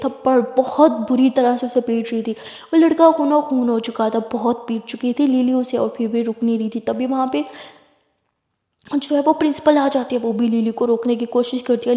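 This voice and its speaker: A woman narrates a serialized love story in a brisk, dramatic way. Her voice is high and mellow. The recording has a long, roomy hall reverb.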